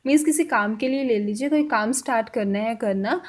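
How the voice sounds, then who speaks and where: A woman teaching a language lesson, saying example sentences slowly and repeating them with care. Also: a little high.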